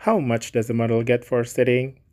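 A kind-hearted young gentleman speaks up eagerly, his voice lifted higher than the narration around it, voiced by a man reading a story. He sounds earnest and sympathetic. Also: steady tone, fairly quick, lightly acted.

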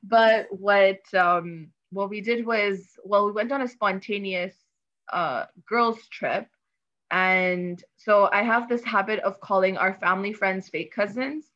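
A woman's voice: mid-range voice, slow pace, a bit bright, muffled recording. A woman in her twenties chatting casually and expressively as a podcast co-host. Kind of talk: casual chat.

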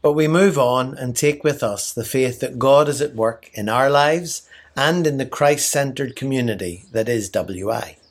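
A middle-aged man from Ireland reads a devotional message as a mission leader. His delivery is measured and prayerful. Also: medium pitch.

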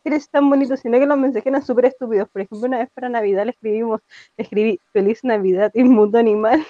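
Fast-talking young Chilean woman, animated. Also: fairly high pitch, no room sound, muffled recording. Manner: animated storyteller who acts out her own quotes. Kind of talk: casual chat.

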